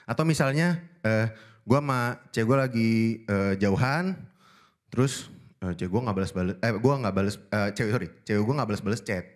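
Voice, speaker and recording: His voice fairly low and a little fast, this young stand-up works the stage before a live audience. He's animated and readily launches into impersonations of odd voices.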